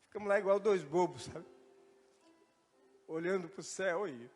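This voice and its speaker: A man's voice: sits high, normal speed. A man with a Brazilian accent preaching a sermon, telling a personal story and acting out the dialogue. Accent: Brazilian Portuguese. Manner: animated storytelling, acts out dialogue. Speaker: pastor. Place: church. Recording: church hall reverb with faint music.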